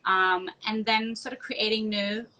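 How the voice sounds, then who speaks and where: Host: woman from Egypt, bright and forceful voice, chatty, lots of ums. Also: medium pitch, measured pace. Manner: animated, chatty, frequent ums. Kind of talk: casual podcast conversation.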